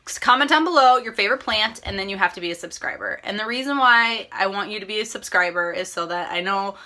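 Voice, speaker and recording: A woman's voice: mid-range voice, fast, pushed and bright. A young woman from Minnesota hosting her cross-stitch channel, chatting to viewers in a rambling, upbeat way that keeps correcting itself, her voice a little worn. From Minnesota, USA. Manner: upbeat and gushing. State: slightly losing her voice. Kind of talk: casual chat to viewers.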